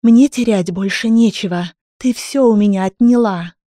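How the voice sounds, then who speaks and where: A woman's voice: normal speed, mellow, dry recording, studio quality, natural voice. A woman voicing an unhinged, furious pregnant young woman who screams and mocks in an audiobook. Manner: shrill, screaming, mocking.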